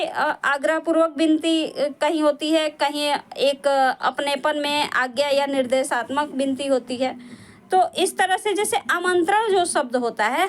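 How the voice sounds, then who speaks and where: A woman teaching a Hindi spelling lesson for exam preparation, explaining patiently with frequent pauses and fillers. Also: high-pitched, a little hiss or hum.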